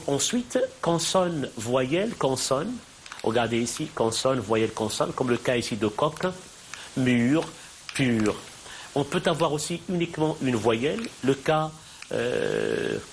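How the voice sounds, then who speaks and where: A man giving a televised university lecture, halting and repeating words, often asking questions and answering them himself. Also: medium pitch, a little hiss or hum.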